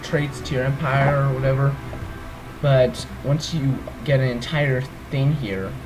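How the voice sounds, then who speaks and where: A let's play gamer with a groggy, mid-range voice walks through a strategy game's menus in a casual gameplay walkthrough. He speaks a little slowly with fairly even intonation, over background noise. He's hesitant and rambling, full of ums and self-corrections.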